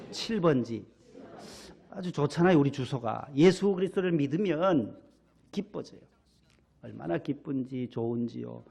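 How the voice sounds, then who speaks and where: A male pastor, preaching in a folksy, playful way. His fairly high voice carries a gravelly edge, and he keeps turning to the congregation with questions. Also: mellow. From Gyeongsang region, Korea. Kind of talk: sermon.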